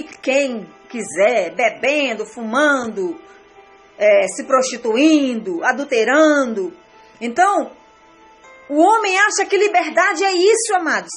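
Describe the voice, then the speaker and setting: A woman's voice: very high voice, a bit bright. A woman pastor with a Brazilian Portuguese accent, preaching a sermon earnestly, repeating phrases and calling her listeners beloved.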